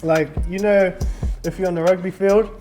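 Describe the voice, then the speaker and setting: A man with a New Zealand accent, chatting casually as a guest, relaxed and laughing often. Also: high-pitched, normal speed, faint music behind. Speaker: dancer guest. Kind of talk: casual chat.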